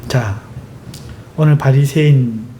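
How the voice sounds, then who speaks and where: A male pastor preaching a sermon, driving it with lively rhetorical questions and emphatic stress. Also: mid-range voice, normal speed, a little hiss or hum.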